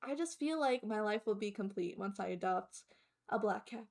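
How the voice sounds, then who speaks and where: A woman's voice: mid-range voice, lively intonation, moderate pace, darkish tone. A woman streamer giving casual reaction commentary in a cute, gushing anime-streamer manner. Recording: music behind the voice. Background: background music.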